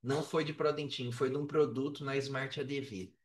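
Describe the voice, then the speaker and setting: Captured with roomy echo from a distance, an affiliate marketer with a Brazilian Portuguese accent tells his own story on a podcast. His mid-range voice stays steady at normal speed as he talks casually with slang, swearing, and emphatic repetition.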